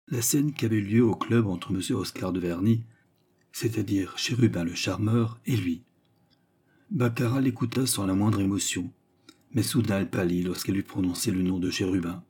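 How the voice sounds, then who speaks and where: A man narrating a classic novel in a steady, measured storytelling voice. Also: lowish voice, husky. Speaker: audiobook narrator.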